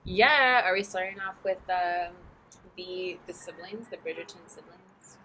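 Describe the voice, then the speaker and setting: A woman's voice: on the low side, measured pace, bright, forceful tone, a little hiss or hum, rough recording. A young woman co-hosting a podcast, chatting in a giggly, playful way. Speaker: podcast co-host. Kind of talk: casual chat.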